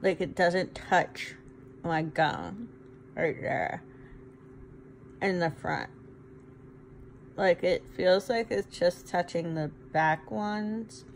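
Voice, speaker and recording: A woman's voice: lowish voice, extremely slow, gravelly, pauses often, a little hiss or hum, rough recording. A middle-aged woman chatting casually in a personal vlog, speaking with her fingers on her lips and rambling with fillers. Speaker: vlogger reviewing her dentures.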